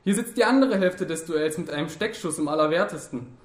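A man's voice: a little high, animated, a little fast, roomy sound, lightly acted. A man doing a dry, ironic young moralist. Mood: lecturing. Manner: dry irony, lecturing.

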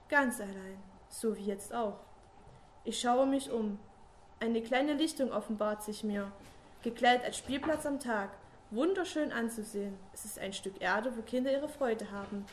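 A woman with a fairly high voice reads a dark first-person story aloud. Her delivery is slow and solemn, with long pauses between phrases. A faint hiss runs under the recording. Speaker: narrator.

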